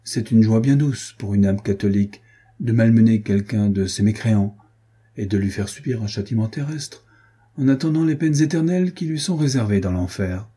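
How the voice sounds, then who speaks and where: A man voicing a sanctimonious cheating male card sharp in an audiobook, with an unctuous, pious manner. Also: lowish voice, animated, moderate pace, husky. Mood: smug.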